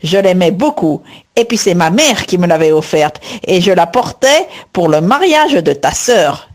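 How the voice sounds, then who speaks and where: A woman voicing an irritable wife in a read-aloud textbook dialogue, indignant and quick to take offense. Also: fairly low pitch, big pitch swings, voice pushed down. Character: irritable wife quarrelling with husband.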